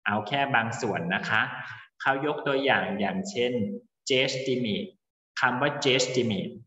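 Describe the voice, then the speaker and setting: A man's voice: mid-range voice, sharp tone. A male teacher explains English word formation in a lesson, calls on students by name and mixes English terms into his explanations. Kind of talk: online class lesson. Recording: dull, echoey room with long reverb.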